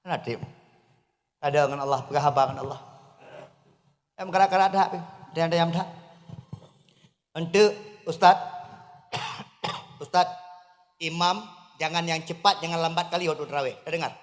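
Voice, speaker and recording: A man from Aceh preaching a humorous sermon to a crowd in a mosque courtyard, speaking with an Acehnese accent and swinging between low asides and loud emphatic calls. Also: normal speed, long pauses, big-room sound. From Aceh, Indonesia.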